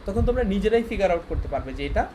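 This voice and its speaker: A man's voice: sits high, lively intonation, very fast, background noise. Young man teaching an online class. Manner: explains step by step, often checking with listeners.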